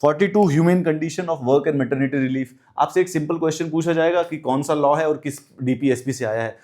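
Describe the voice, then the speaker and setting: A man's voice: on the high side, normal speed, darkish tone. Emphatic man teaching exam prep. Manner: emphatic teacher, repeats key phrases, asks rhetorical questions. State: speaking with a mouth ulcer. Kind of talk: classroom lecture mixing Hindi and English.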